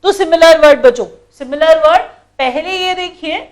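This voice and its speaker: A woman with an Indian accent teaches English vocabulary in a lesson, with a high, light voice. She explains patiently, says each word more than once and keeps quizzing her students with questions. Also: normal speed. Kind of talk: classroom lesson.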